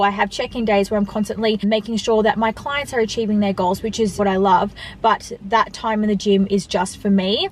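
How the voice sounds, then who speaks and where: Eating on camera for a mukbang Q&A, a fitness vlogger and online coach talks to her viewers in a casual, emphatic way. She has a medium-pitched voice, and there's a little background noise.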